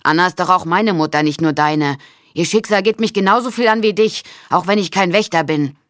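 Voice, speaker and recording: Frau spricht einen aufgebrachten Jungen. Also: female voice, lowish voice, little pitch movement, unhurried, fairly bright tone, no room sound, studio quality. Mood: upset. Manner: upset, raised voice. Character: agitated boy, the girl's brother.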